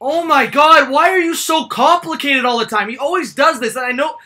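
Young man, high sharp voice, exasperated raging-gamer rant, yelling, live sports reaction. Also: normal speed. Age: young adult. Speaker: hockey fan streamer. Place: small indoor room.

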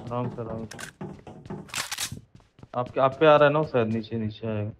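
A man on voice chat with a teammate in a shooter game, making relaxed, quick tactical callouts. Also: mid-range voice, highs cut off, music in the background. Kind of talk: casual gaming voice chat.

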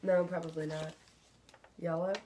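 A woman's voice: low voice, little pitch movement, normal speed. A woman in her thirties chatting playfully as she plays a party game, lisping and slurred from a mouthguard. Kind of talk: playful casual chat. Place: small room at home, around a table. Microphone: camera across the table. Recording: clear room noise, table clicks.

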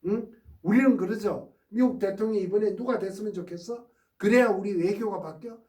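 A man's voice: high voice, a little fast, mellow. A man giving a history lecture, speaking emphatically and often prodding his listeners with rhetorical questions. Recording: roomy sound from a distant mic.

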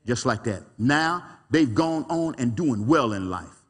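Husky, lively preaching pastor. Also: male voice, mid-range voice, measured pace, in a large hall. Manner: animated preaching with call-and-response asides; folksy, colloquial speech. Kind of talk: preaching a sermon. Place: church sanctuary.

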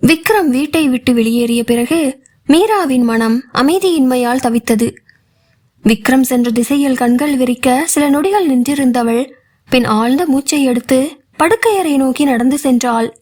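A woman narrating a novel for an audiobook with a steady storytelling delivery. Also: high-pitched, moderate pace.

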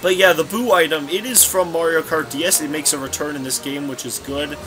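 Here a young let's play commentator, his pitch fairly high and his delivery a little fast, chatters aimlessly while racing in a game. He's scatterbrained and self-correcting, often revising mid-sentence, and game music can be heard behind him.

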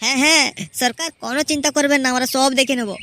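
A woman's voice: high-pitched, steady tone, very fast, bright, forceful tone. A woman voicing a cheeky, mocking young male henchman in a cartoon. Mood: taunting. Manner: teasing, taunting, crude jokes.

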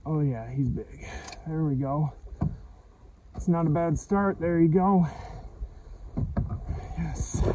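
A man's voice: on the high side, a little hiss or hum, rough recording. A man narrating his fishing trip out on a lake, talking casually to the camera as he handles his catch. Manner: talks to himself while handling a fish, excited and breathless at times. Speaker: fishing vlogger. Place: on a boat on a lake, outdoors.

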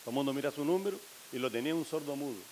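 A man's voice: on the high side, lively intonation, rapid-fire, a little mellow. A man telling a string of jokes to a live audience, acting out the characters' lines. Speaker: stand-up comedian.

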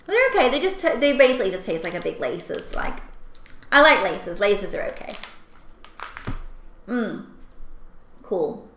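A young woman chatting casually to camera as she tastes and eats candy, with expressive, exclaiming reactions. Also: mid-range voice, a little slow, pauses often. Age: young adult. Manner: talking while eating candy and snacks. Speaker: video host. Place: small furnished room at home, indoors. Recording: echoey room, clear background noise.

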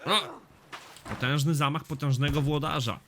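Swearing excitable gaming commentator, man. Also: a little high, moderate pace, slight background noise. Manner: swears often, excitable reactions to the game. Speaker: gaming YouTuber. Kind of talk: casual let's-play commentary.

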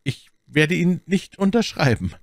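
A man's voice: on the low side, very animated, moderate pace, darkish tone, dry recording. Man playing an indignant haughty duke. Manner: raised, indignant and exclaiming. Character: haughty English duke, middle-aged, imperious, easily angered. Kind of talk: audiobook character voice.

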